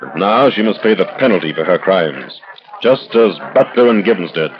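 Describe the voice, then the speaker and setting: Low-voiced urbane radio sleuth. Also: male voice, expressive, moderate pace. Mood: composed. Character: composed, urbane gentleman sleuth, dryly explaining. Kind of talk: old radio drama acting. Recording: muffled, noisy old radio recording.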